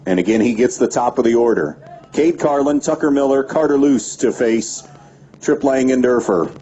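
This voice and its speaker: On local radio, a man calls a high school baseball game play by play at a moderate pace, giving steady pitch-by-pitch calls and stats between pitches. The broadcast sounds dull and lo-fi, with faint background noise.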